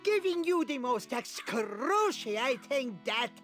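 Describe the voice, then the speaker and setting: Slow, theatrical mystical fortune teller woman. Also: sits high, very animated, soft background music, exaggerated voice. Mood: menacing. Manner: mystical, grandiose, dramatic formal phrasing. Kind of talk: fortune teller voice acting in a comic adventure game.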